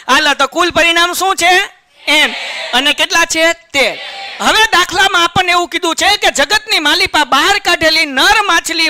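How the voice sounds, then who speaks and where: A man with a Kathiawadi Gujarati accent teaches a maths lesson in a high and very bright, ringing voice. He jokes with the class and keeps checking that everyone follows along. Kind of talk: lively classroom lecture.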